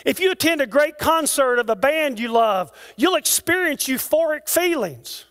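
A man's voice: very high-pitched, expressive, moderate pace, fairly bright tone. A man preaching a sermon in a church, moving from rhythmic declaimed lists to conversational asides to the congregation. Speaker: pastor. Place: church sanctuary.

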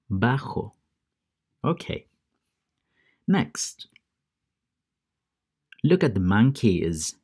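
A man teaching English words to children, repeating each word pair slowly and stressing how to say it. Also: on the low side, dark tone. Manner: drills word pairs with slow, careful repetition; stresses English pronunciation for learners. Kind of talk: bilingual vocabulary lesson for children.

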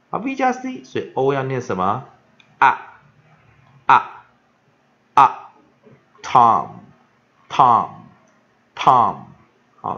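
A man leads an English pronunciation lesson in a low, gravelly voice that swings widely in pitch. He drags out the example words slowly and loudly and fills his pauses with "ah". The recording is dull and lo-fi. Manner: lively, drawn-out demonstration of words, frequent filler "ah". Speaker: English teacher.

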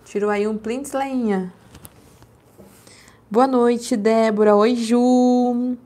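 A woman with a somewhat high voice hosting a casual live stream from her home. She chats in an easy, talkative way and laughs often. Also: steady tone, extremely slow, warm tone.

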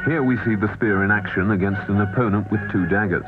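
Low male narrator on worn tape. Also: quick pace. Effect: worn VHS tape copy, muffled and lo-fi. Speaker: documentary narrator. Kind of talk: scripted narration. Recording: muffled worn videotape with music behind.

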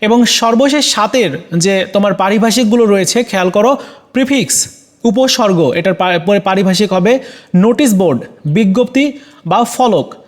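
A man as a teacher, methodically going over exam answers for students and pausing on frequent "ah" fillers. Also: high voice.

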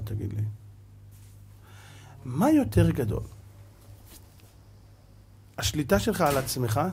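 A male rabbi preaches in a high, husky voice, with the animated delivery of a sermon. He keeps turning to his listeners with rhetorical questions. His pitch rises and falls a great deal as he argues his point.

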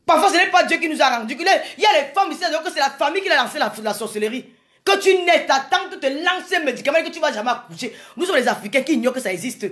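A woman's voice: high voice, lively intonation, fast talker, fairly bright tone. A woman from Cameroon, giving an impassioned live monologue to her viewers, repeating her phrases for emphasis and greeting commenters by name. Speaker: live streamer talking to viewers.

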